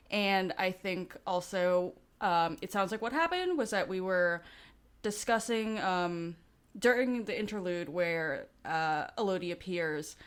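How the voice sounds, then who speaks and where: A woman's voice: fairly low pitch, clean tone. A woman co-hosting a casual podcast, talking with a slight lisp and plenty of fillers and restarts. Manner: rambling, with many fillers and restarts. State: slight lisp from dental aligners. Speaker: podcast co-host. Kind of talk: casual chat.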